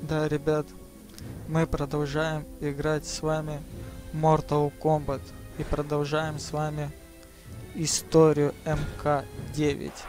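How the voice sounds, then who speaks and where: A man hosting a gaming channel, chatting casually to viewers in slang and exclaiming as he plays, over loud game music. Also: on the high side, monotone, slow pace. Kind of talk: casual let's play commentary. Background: game music and sound.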